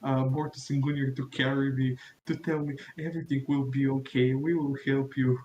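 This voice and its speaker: A man playing in a tabletop game, talking in a halting, sheepish way and joking about himself. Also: mid-range voice, flat delivery, darkish tone, lo-fi sound, slight background noise. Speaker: player. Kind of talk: casual tabletop game chat.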